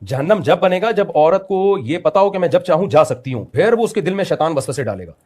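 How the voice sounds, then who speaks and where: A middle-aged man with a Pakistani Urdu accent lectures quickly and emphatically in a rather high voice, like a preacher. He drops jokes as he answers the interview questions. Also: animated, darkish tone. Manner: emphatic, lecturing, jokey asides. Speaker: religious scholar guest.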